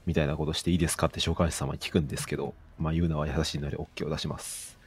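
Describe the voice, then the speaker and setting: A man's voice: a bass voice, level tone, racing. A man giving casual live commentary on a video game, explaining scenes with the odd chuckle.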